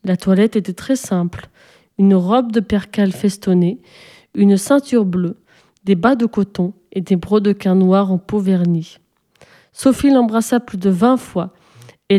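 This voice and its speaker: A woman reading a classic children's story aloud in a measured storytelling manner. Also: medium pitch, mellow.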